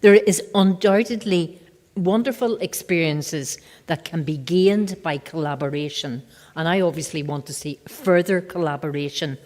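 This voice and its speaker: A woman's voice: low-pitched, normal speed, darkish tone. A woman with a Northern Irish accent, making an earnest formal speech in a parliamentary assembly and urging action. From Northern Ireland. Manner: earnest, urging, repeats her key points. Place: large assembly chamber. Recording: long hall reverb.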